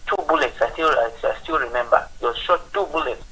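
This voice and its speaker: A man calling in over a clipped phone line, asking his question haltingly with many pauses and restarts. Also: a little high, sharp tone, breathy edge. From Zambia. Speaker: caller. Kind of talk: call-in question on live television.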